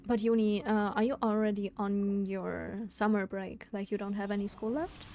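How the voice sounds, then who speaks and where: A woman live streaming a video game, chatting casually with viewers in a quiet voice kept down at home, sounding a little sleepy. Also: medium pitch, level tone, normal speed. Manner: quiet, keeping voice down for a sleeping roommate. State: sleepy, yawning. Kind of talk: relaxed casual chat with viewers. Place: indoors at home. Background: game music.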